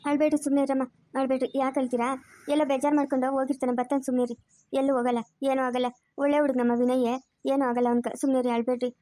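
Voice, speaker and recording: A woman voicing a kind, fair-minded village neighbour woman who pleads and gently scolds. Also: high-pitched, level tone, fast talker, no echo, close to an everyday voice. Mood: pleading.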